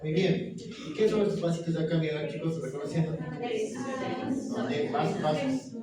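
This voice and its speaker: Man, anatomy lecturer, quizzing a class, slightly high voice, far from the mic, heavy room echo. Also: expressive, over a noisy crowd. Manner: asks quick questions and confirms answers with "correcto, muy bien". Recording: very echoey room, distant mic, students audible. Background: students murmuring answers.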